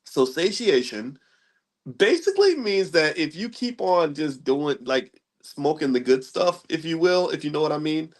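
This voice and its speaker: With a fairly high voice that swings widely in pitch, a middle-aged man speaks at a moderate pace as an economics commentator. He explains money concepts casually, like a loose lecture, rambling and restarting while tossing "right?" to his listeners.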